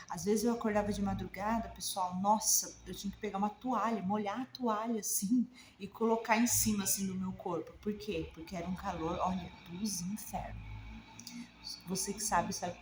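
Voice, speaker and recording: A woman's voice: medium pitch, fairly even intonation, brisk, few pauses, a little mellow, slight background noise. Brazilian woman telling her story, roomy sound. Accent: Brazilian Portuguese. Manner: emotional, conversational, addresses viewers directly. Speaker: naturopathic therapist. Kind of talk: personal story told to camera.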